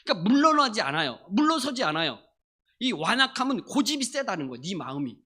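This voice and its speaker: Brief: bright, animated pastor preaching a Sunday sermon; emphatic, repeats lines for weight. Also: mid-range voice, fast talker, slightly rough. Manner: emphatic, repeats and restates phrases. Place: church service.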